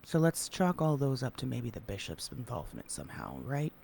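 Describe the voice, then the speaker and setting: A man in an in-character roleplay conversation, speaking in a measured way and sometimes dropping to a hushed whisper. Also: mid-range voice, huge pitch swings, gravelly, a little hiss or hum. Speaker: roleplay player.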